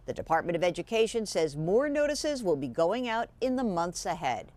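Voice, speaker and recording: A woman business analyst delivering a measured, explanatory news report. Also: lowish voice, very animated, darkish tone.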